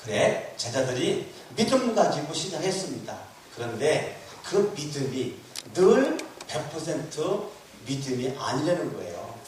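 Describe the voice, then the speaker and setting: A man's voice: medium pitch, sing-song, unhurried, a little mellow, slight background noise. A man pastor preaching a sermon with emphatic repetition and rhetorical questions thrown to the congregation. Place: church hall. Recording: echoey hall recorded from a distance.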